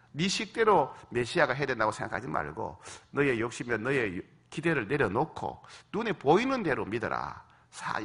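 A man's voice: medium pitch, creaky, a bit bright, breathy edge. A male pastor preaching a sermon, acting out quoted voices and asking the congregation questions.

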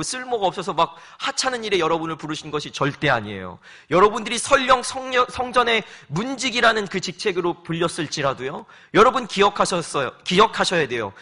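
A male pastor preaching a sermon in a church, asking his congregation questions and repeating his points with pleading emphasis. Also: high voice. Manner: lively, rhetorical questions, pleading repetition. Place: church sanctuary.

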